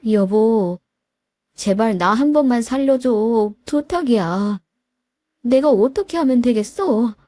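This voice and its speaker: A soft-willed husband in his forties, begging and hesitating, as a woman narrator puts him on. The tone is mellow and the sound is dry and close. He comes across as spineless and apologetic. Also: a little high, animated, takes it slowly, dry recording. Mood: pleading. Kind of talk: storytelling with voiced dialogue.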